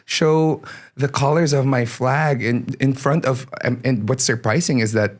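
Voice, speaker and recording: A man's voice: medium pitch, fairly even intonation, a little slow. A man from the Philippines, a singer-songwriter guest on a podcast, talking in a chatty, laughing way with lots of fillers. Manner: chatty, laughs often, many fillers and restarts. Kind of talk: casual interview chat.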